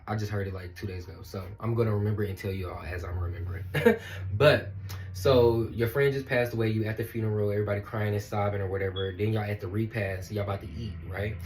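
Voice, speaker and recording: Animated slangy man giving a pep talk. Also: fairly low pitch. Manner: animated, swearing, slangy, laughs often. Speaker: spiritual life coach. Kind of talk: casual motivational monologue.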